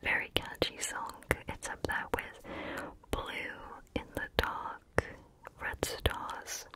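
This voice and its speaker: Woman whispering softly, close to the ear. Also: slow. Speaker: ASMR video host. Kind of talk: whispered ASMR chat about favorite music.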